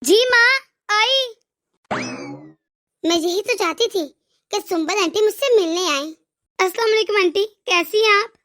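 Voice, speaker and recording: A woman voicing a caring young sister-in-law in an animated moral story, calm and reassuring. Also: very high voice, moderate pace. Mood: friendly.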